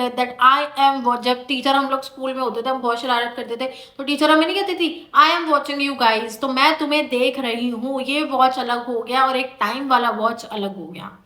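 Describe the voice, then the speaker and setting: A young woman teacher giving an exam-prep vocabulary lecture, explaining patiently and addressing students informally while reading English examples slowly. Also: high-pitched, fairly bright tone. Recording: echoey room.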